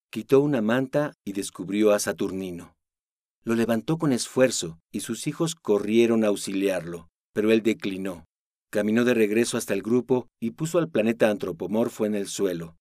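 A man narrating a novel in a steady, measured voice. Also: fairly low pitch, dry recording, clean studio sound. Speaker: audiobook narrator. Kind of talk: scripted narration.

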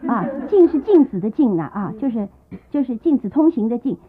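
Woman retelling an old novel, high lively voice, chatty asides, tinny phone-line sound. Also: a little fast. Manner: chatty, comments and laughs at the story. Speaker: storyteller. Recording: tinny lo-fi tape.

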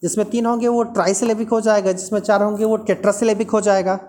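A woman's voice: mid-range voice, little pitch movement, fast talker, warm tone. Patient woman teaching pronunciation. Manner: patient, repeats examples aloud. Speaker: English teacher. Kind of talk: explaining a lesson.

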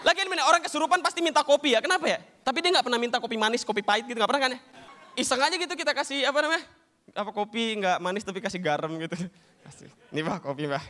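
High bright young stand-up comic. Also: male voice, animated, rapid-fire. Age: young adult. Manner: casual slangy banter, acts out scenes, laughs between jokes. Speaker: stand-up comedian. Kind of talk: stand-up comedy set.

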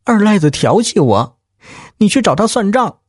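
A sharp-tongued young village wife, put on by a male storyteller, her voice pushed up high and shrill. She demands and scolds in a dry, close recording, her pitch leaping around with every outburst. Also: very animated, moderate pace, husky, no room sound, exaggerated voice. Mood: indignant.

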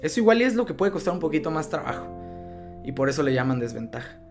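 A man's voice: a little high, sing-song, fast talker, over music. A man with a Mexican Spanish accent hosting a podcast, giving earnest motivational advice, repeating his key phrases and swearing casually. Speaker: podcast host.

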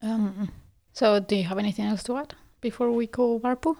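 A woman's voice: on the high side, fairly even intonation, moderate pace, warm tone, no echo, clean studio sound. A woman co-hosting a casual chat on a call, talking in a chatty way with light laughs. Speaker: co-host.

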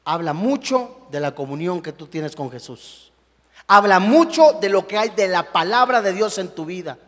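A young adult man preaching a sermon as a pastor, animated, acting out the voices of the people he quotes. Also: sits high, moderate pace. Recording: long hall reverb.

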